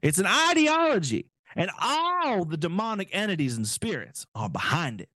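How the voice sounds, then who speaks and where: A man putting on the voice of a zealous male politician preaching about demons, in a high, overwrought, preachy delivery. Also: very animated, normal speed, bright, forceful tone, dry recording, clean studio sound, exaggerated voice.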